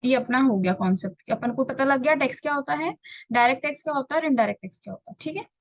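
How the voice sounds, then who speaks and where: A young woman teaching a revision lecture. She poses questions and answers them herself, repeats key terms, and reads definitions slowly, word by word. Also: high-pitched, no echo, highs cut off. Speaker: tax tutor.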